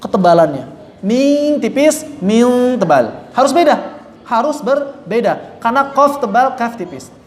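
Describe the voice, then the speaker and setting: Speaking unhurriedly at medium pitch with big swings in intonation, a Quran recitation teacher walks a repeating class through the lesson step by step. They demonstrate sounds, answer their own questions, and firmly fix mistakes, recorded in an echoey room with faint background noise.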